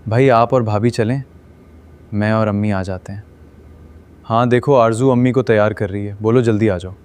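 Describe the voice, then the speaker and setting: A man's voice: fairly low pitch, steady tone, a little mellow, slight background noise. A man with a Pakistani Urdu accent, playing the teasing husband in a scripted couple vlog skit. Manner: playful teasing banter. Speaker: vlogger husband.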